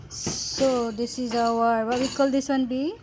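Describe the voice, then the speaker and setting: A woman chatting casually in a home kitchen as vlog host, asking many questions in halting English. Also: fairly high pitch, flat delivery. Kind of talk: casual cooking chat. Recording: noisy kitchen with sizzling.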